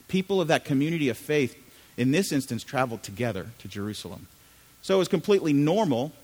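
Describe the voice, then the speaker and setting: Middle-aged male pastor, conversational sermon, asks the room questions, long reverb of a church hall. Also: medium pitch. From Chile. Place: church sanctuary.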